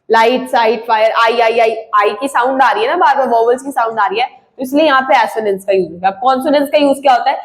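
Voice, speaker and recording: A woman teacher with an Indian English accent explaining a lesson to students, asking and answering her own questions as she goes through examples. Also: on the high side. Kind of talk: board exam English lesson.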